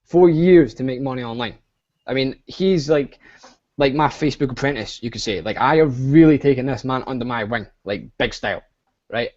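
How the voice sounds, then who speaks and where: A man's voice: medium pitch, normal speed, a little mellow, lo-fi sound. A young Scottish man hosting an online webinar, talking in a hyped, rambling way with lots of fillers. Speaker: webinar host. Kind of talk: casual online webinar pitch. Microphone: video call.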